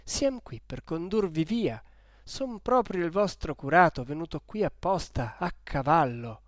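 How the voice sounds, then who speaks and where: A man reading aloud and voicing an elderly village priest who gently reassures and urges. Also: a little high, expressive, measured pace, no echo, clean studio sound. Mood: reassuring.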